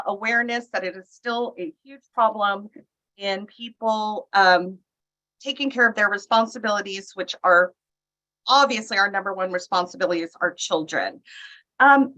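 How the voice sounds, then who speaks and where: A woman delivers an informal public comment in a fairly high, bright voice with a forceful edge. She sounds conversational and airs her opinions freely. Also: rough recording. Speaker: public commenter calling in online.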